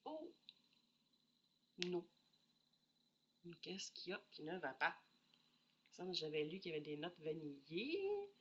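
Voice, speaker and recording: A woman's voice: fairly low pitch, big pitch swings, measured pace, pauses often, highs cut off, a little hiss or hum. A woman with a Québécois French accent chatting casually as she reviews perfume samples, thinking aloud and apologizing often, with a head cold. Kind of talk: casual solo review chat.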